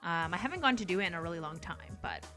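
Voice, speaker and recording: A young woman from Canada hosting an art livestream, chatting casually and reading viewer comments in a soft voice, with many ums and light laughs. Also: fairly low pitch, expressive, fast, soft background music.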